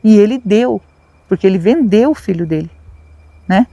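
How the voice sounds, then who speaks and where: A woman's voice: mid-range voice, lively intonation, moderate pace, mellow, no echo. A Brazilian woman retelling a local legend outdoors at dusk, chatty and repeating words for emphasis. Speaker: paranormal vlogger. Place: outdoors at a rural site at dusk.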